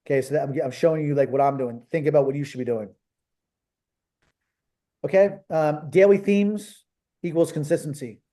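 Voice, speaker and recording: A man's voice: a little high, normal speed, long pauses, dark tone. Blunt, emphatic man coaching on a call. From Philadelphia. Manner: blunt, emphatic, repeats himself. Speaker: business coach.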